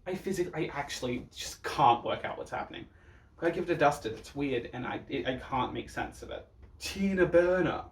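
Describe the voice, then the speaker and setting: Speaking on the high side and fairly quickly, a man gives campy, blunt drag-queen commentary as he reacts casually to looks. The recording has a roomy echo from a far-off mic.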